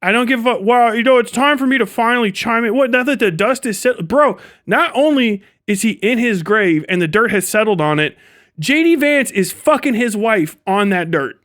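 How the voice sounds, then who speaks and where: A man with a very high, animated voice and a fairly bright tone hosts a casual livestream from his indoor home setup, talking at normal speed. He rants bluntly and swears heavily, close on a studio mic in a dry recording.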